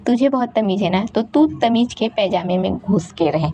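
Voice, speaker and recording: A woman voicing a rude, quick-tempered young man who mocks and bosses others in a retold fan story. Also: mid-range voice, warm tone, slight background noise, natural voice. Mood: mocking. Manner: taunting, bossy retorts.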